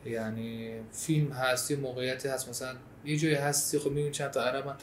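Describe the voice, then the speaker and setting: An Iranian man co-hosts a relaxed, chatty conversation, telling stories earnestly at a middle pitch. The sound is roomy, with a clear echo around his voice. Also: slight background noise. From Iran. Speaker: co-host. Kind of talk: casual chat.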